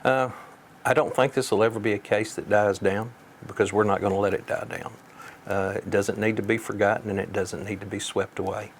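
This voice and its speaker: Low, flat-voiced man, plain-spoken. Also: brisk, slight background noise. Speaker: sheriff being interviewed. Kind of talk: measured interview answers.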